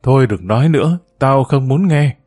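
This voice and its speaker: A man's voice: medium pitch, expressive, normal speed, a little mellow, breathy edge. A man voicing a grieving, jealous middle-aged mother who scolds with bitter resentment in a storybook reading. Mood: bitter, tearful.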